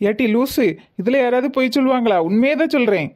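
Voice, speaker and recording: An actor voicing a young village husband, speaking in a teasing, familiar way. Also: male voice, very high-pitched, fast, a little mellow. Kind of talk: cartoon voice acting. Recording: dull lo-fi audio.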